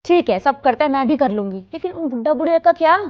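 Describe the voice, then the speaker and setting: A woman's voice: sits high, expressive, fast talker. An actress playing a headstrong young married woman who complains indignantly to her mother in a scripted family drama. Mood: complaining. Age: young adult. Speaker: married daughter. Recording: slightly dull lo-fi recording.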